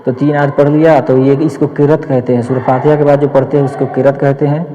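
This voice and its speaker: A man's voice: medium pitch, level tone, mellow, long reverb tail, highs cut off. A man, teaching the steps of prayer patiently and repeating each point as he demonstrates it. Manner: patient, repetitive step-by-step explaining, demonstrating as he speaks. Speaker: Islamic teacher. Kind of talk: practical religious instruction.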